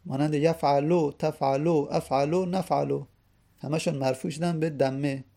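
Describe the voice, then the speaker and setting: Man teaching grammar, gravelly mellow voice. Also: fairly high pitch, steady tone. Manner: methodical, repeats each rule and example; reads Arabic text aloud then explains it in Persian. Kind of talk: classroom lesson explaining grammar.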